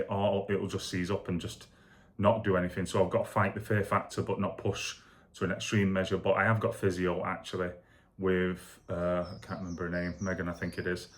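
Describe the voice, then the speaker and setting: In a casual video diary, a deep-voiced male vlogger recovering from shoulder surgery talks through his day. Weak and foggy, he speaks with little rise and fall, rambling in a candid, plain, matter-of-fact way.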